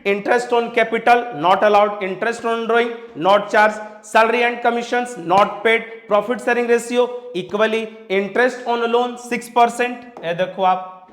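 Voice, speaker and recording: A man with a high voice teaches at an unhurried pace and poses questions to his class. He repeats each point to drill it in and mixes in English terms. His voice echoes around a bare room. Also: fairly bright tone. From India. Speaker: commerce teacher. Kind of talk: classroom lecture. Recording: roomy echo.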